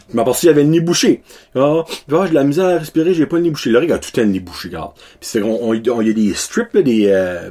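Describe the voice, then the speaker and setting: A man in his thirties with a Québécois French accent vlogs to his followers in a loose, slangy way, dropping English words into his French. His voice is husky, and his pitch swings widely as he talks. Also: a little mellow. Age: 30s. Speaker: vlogger. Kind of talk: casual chat to followers.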